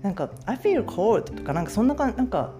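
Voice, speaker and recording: Woman, from Japan, chatty storyteller, animated swooping pitch, faint music behind. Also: rapid-fire. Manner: chatty, lots of fillers, acts out quotes. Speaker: host. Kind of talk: casual storytelling monologue.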